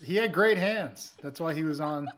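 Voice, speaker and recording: A man co-hosting a casual sports podcast, laid-back and measured, with many ums. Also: fairly high pitch, a bit bright, a little hiss or hum. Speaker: podcast co-host.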